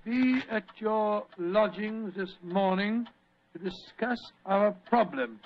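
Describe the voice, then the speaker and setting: A man's voice: high voice, expressive, slow pace, a little hiss or hum. A man playing a courteous, fussy British doctor and sidekick in an old-time radio mystery, blustering and stammering politely as he repeats himself. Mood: curious, chatty. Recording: dull vintage radio drama recording.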